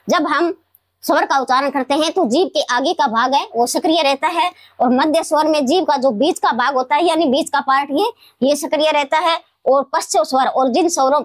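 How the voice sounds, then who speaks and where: A woman teacher explaining grammar in a classroom lesson, repeating key words slowly and answering her own questions. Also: high voice, dry recording. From Rajasthan, India. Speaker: Hindi teacher.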